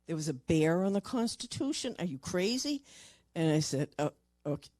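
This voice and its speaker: Mellow-voiced paranormal investigator telling a story. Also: mid-range voice, moderate pace, dry recording. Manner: lively storyteller who acts out the people quoted. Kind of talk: storytelling talk at a convention. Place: convention stage or panel room.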